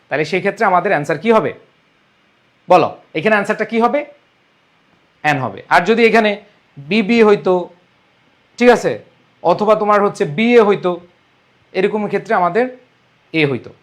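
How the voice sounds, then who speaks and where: A young man teaching an online exam-prep English lesson, coaxing and repeating rules for his students. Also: high-pitched. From Bangladesh.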